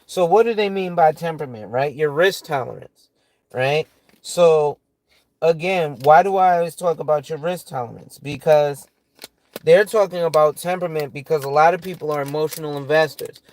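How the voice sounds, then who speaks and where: His voice on the high side and a little mellow, a weary man in his forties, a financial advisor, goes through money tips at a normal speed. The talk is loose and sprinkled with swearing and frequent "right?" check-ins.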